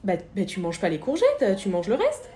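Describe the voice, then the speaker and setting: A woman's voice: medium pitch, huge pitch swings, normal speed, mellow. A woman voicing a tired adult caretaker who talks patiently to a crying child. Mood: weary.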